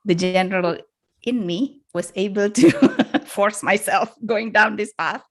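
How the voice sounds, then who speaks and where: A woman's voice: mid-range voice, lively intonation, measured pace. A middle-aged woman from Indonesia, a guest in a casual interview, speaking reflectively and laughing often as she restarts her sentences. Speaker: podcast guest.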